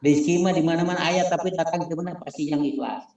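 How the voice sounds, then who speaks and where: A man's voice: a little high, fairly even intonation, fast, creaky, a little mellow. A man with a Sundanese accent lecturing a class, repeating key points with emphasis and spelling out acronyms letter by letter. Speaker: instructor. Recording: echoey room.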